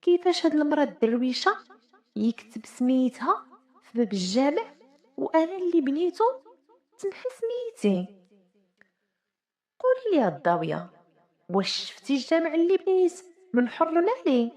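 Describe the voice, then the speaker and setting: A woman's voice: a little high, big pitch swings, normal speed, long pauses, voice pushed up. A woman with a Moroccan accent voicing a proud, commanding sultan troubled by his dreams, speaking in an imperious, questioning way.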